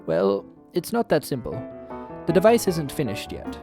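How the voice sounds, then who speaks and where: A man's voice: huge pitch swings, moderate pace, music in the background. A man voicing an eccentric, scheming male inventor in a put-on German accent, raised and theatrical. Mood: pleading. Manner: theatrical, higher than his own voice. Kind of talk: reading game dialogue aloud.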